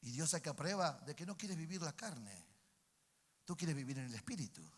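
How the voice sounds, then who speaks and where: A man with a Rioplatense Spanish accent preaching a sermon as pastor, calling out to the congregation for responses and moving between loud, emphatic peaks and hushed, intimate passages. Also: a little high, sing-song, normal speed, husky. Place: church sanctuary. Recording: church hall reverb.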